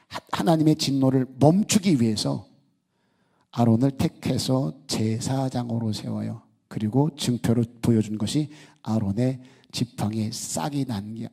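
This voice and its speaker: A male pastor delivers a Sunday sermon in a mellow, slightly husky voice. He keeps it conversational, pausing to put rhetorical questions to the congregation. His pitch sits in an ordinary middle range. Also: steady tone. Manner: acts out quoted speech in the story.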